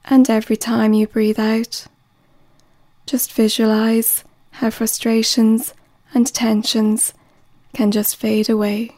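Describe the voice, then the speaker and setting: A woman reading a guided relaxation script in a slow, soothing voice that often drops to a whisper. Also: a little high, flat delivery, mellow, dry recording.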